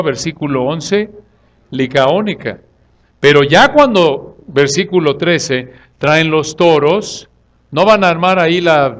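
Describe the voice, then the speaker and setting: Animated pastor preaching. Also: male voice, fairly high pitch. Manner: animated, asks the congregation questions and answers them himself; swings between loud emphatic lines and quiet asides. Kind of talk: expository sermon.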